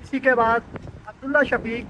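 A man's voice: very high-pitched, level tone, moderate pace, pushed and bright, highs cut off, a little hiss or hum. A man, reporting on location and naming each arrival in running commentary. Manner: running play-by-play narration of arrivals. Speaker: sports reporter. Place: outdoors beside the team bus at a stadium.

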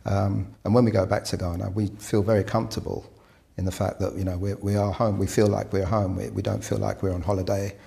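A man born in Britain, speaking in a measured, halting way in a documentary interview. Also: fairly low pitch, flat delivery, vocal fry, warm tone.

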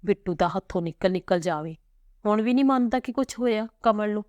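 A woman voicing a gentle, sorrowful elderly grandmother. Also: mid-range voice, expressive, brisk, no echo, close to an everyday voice. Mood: tender, sorrowful.

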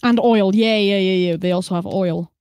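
A woman streaming a game live, teasing her friend in playful, quick banter. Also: medium pitch, fairly even intonation, darkish tone, no room sound.

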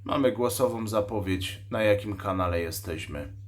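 In an off-the-cuff demo, a man with a lowish voice hosts a walkie-talkie review for a radio shop. He lays out the specs plainly and technically, stopping partway through sentences as he handles the unit.

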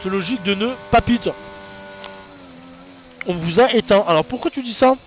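A young man giving casual, excitable live commentary on an online racing league, chatting to his viewers in a slangy, informal way. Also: sits high, normal speed, slight background noise. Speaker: race commentator and streamer.

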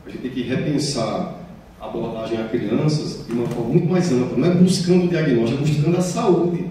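A man's voice: mid-range voice, brisk, dark tone. A man from Paraíba, a child psychiatrist with a Paraíba accent, giving an explanatory lecture in a municipal hall and acting out quoted children and parents. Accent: Brazilian Portuguese, Paraíba. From Paraíba, Brazil. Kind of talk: public health lecture. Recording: very echoey hall from far off, faint noise.

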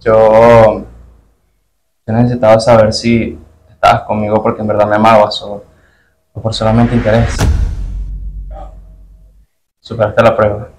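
A man's voice: on the low side, completely flat delivery, a little slow, long pauses, a little mellow, a little hiss or hum, lightly acted, rough recording. A man playing an earnest rich boyfriend. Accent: Venezuelan. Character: calm rich young man testing his girlfriend. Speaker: wealthy boyfriend.

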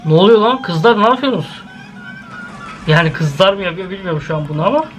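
A young YouTuber with a Turkish accent hosts a casual horror reaction vlog indoors at home, speaking straight to his viewers and crying out excitably at every scare. His voice is high and fairly quick, picked up by a camera set up in the room, with slight background noise.

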